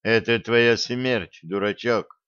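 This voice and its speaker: A man voicing a rough, hot-tempered male gang leader in an audiobook, with coarse, slangy threats. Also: on the low side, steady tone, takes it slowly, a bit bright, no echo, muffled recording. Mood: menacing. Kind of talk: audiobook character voice.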